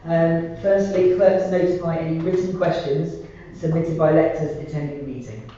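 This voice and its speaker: A very echoey, muffled recording of a man chairing a formal meeting. His voice is a little high for a man and mellow, and he speaks courteously in halting phrases. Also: fairly even intonation. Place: indoor parish council meeting room. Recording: muffled, echoey room, distant mic, faint noise.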